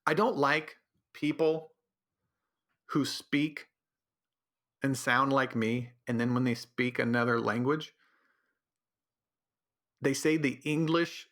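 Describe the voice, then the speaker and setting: A man hosts a solo podcast, launching into a sarcastic, rambling comedic rant and slipping into mocking voices. His voice is medium-pitched and a bit bright, and he talks slowly with frequent pauses.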